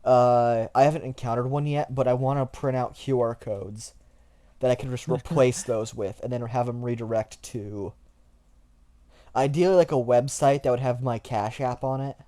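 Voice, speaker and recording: A man's voice: medium pitch, fairly even intonation, normal speed, dark tone. A man co-hosting a podcast in casual chat, with a dry, joking delivery. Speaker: podcast co-host.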